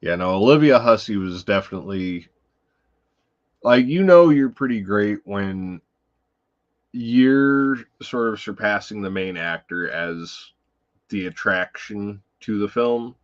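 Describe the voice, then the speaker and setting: A man hosts a casual film-talk livestream, rambling along with swearing and many fillers. His voice sits on the low side, and the audio is dull and lo-fi. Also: takes it slowly. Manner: rambling and profane, full of fillers. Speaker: livestream host. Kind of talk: casual livestream chat about films.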